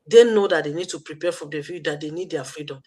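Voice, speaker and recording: Speaking quickly in a deep, mellow voice, this Nigerian-accented woman gives a motivational talk on her online live stream. She preaches, circles back to the same points, and leans on fillers as she thinks out loud.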